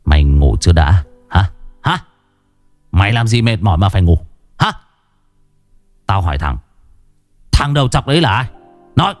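Man doing bitter wronged husband, gruff and clipped, low-voiced storybook horror. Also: very animated, normal speed, pauses often, dry recording, soft background music. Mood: enraged. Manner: gruff, clipped threats and demands. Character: wronged husband, restrained then furious, middle-aged.

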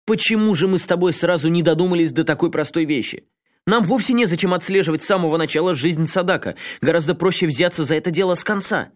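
A man voicing an excitable male friend who blurts out sharp, sardonic remarks and sudden ideas. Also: fairly high pitch, fast, pitched above the performer's own voice, natural voice. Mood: insistent. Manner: abrupt, sardonic outbursts.

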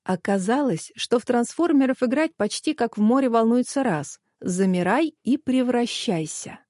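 A woman with a fairly high voice narrates a children's storybook in a calm, even way. The recording is dry and close, with no room sound. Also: moderate pace, no room sound.

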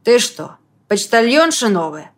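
A woman voicing a hoarse, jovial, hard-drinking middle-aged man in an audiobook, drawling slowly. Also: on the high side, big pitch swings. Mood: gruff. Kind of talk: audiobook reading.

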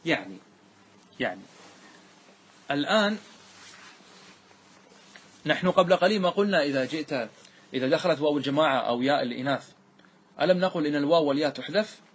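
A man teaching a grammar lesson to a class, quizzing students with quick questions and reciting verses slowly and drawn-out. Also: on the high side, breathy edge.

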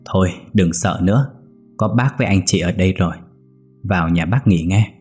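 Man doing an old village man, urgent and fatherly, husky tone, faint music behind. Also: deep voice, moderate pace, a little mellow.

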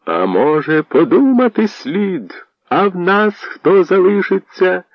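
A man voicing a proud bearded boyar rousing a crowd with loud, slow, commanding oratory in a radio audiobook reading. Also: high voice, big pitch swings, dry recording, pitched above the performer's own voice, exaggerated voice. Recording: dull lo-fi radio recording.

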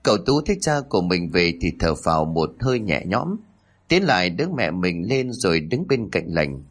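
A man narrating a family drama story in an expressive storytelling manner. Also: sits low, normal speed.

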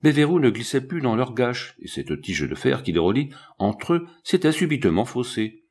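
A man voicing an irritable, nervous old scientist in an audiobook, husky and fussy in manner. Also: mid-range voice, sing-song, moderate pace, a little mellow. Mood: explaining.

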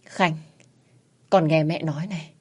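A woman's voice: fairly even intonation, a little slow. A woman voicing a frantic wronged wife. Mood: dying, pleading. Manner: pleading, shrill, frantic. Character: desperate wronged middle-aged wife and mother.

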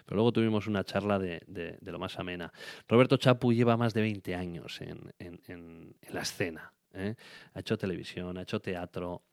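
A man's voice: sits low, steady tone, normal speed, vocal fry, darkish tone, dry recording, clean studio sound. A man hosting a podcast, chatting casually and rambling with many restarts and fillers. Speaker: podcast host.

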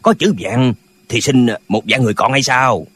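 A man voicing a band of quarrelsome, pedantic old martial-arts brothers in an audiobook, with a husky voice. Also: medium pitch, moderate pace, a bit bright. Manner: bickering, pedantic, squabbling.

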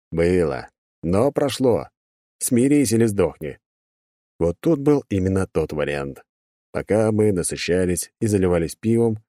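Low-voiced wry male narrator. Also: warm tone, dry recording, studio quality. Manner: wry, sardonic storytelling. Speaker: audiobook narrator. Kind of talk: scripted first-person narration.

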